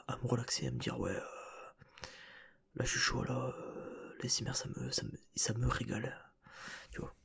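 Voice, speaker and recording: A man's voice: mid-range voice, vocal fry, a bit bright, breathy edge. Man whispering ASMR right in your ear. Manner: whispering close to the mic, right in the listener's ear; rambling, casual and informal, addressing the listener directly. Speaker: ASMR video creator and host. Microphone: close binaural microphone.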